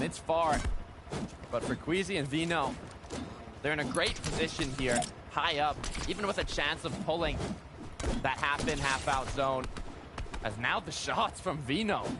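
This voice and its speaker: A man giving live esports play-by-play commentary in short, punchy, suspense-building phrases. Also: medium pitch. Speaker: esports caster. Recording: game gunfire and vehicle noise behind. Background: video game gunfire and ambience.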